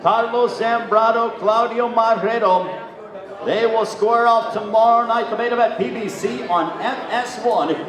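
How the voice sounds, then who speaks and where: A male ring announcer works a boxing event with a very high-pitched, showy delivery, stretching names like a lucha libre announcer. His amplified voice rings through a long, echoing hall with a clear crowd behind him. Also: measured pace. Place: large indoor hotel event room. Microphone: handheld microphone through PA.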